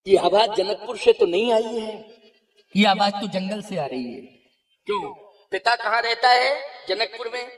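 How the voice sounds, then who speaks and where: A man's voice: sits high, a bit bright. A man giving a devotional scripture sermon to a gathering, retelling the story with acted quotes and pressing the listeners for answers. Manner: questions the audience and urges answers. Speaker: spiritual preacher. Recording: echoey room, distant mic, faint music.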